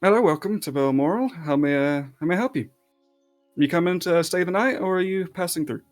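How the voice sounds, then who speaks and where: A man's voice: high voice, brisk, faint music behind, pitched above the performer's own voice, close to an everyday voice. A man voicing a friendly, teasing male town guard at a city gate in a tabletop game. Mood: welcoming.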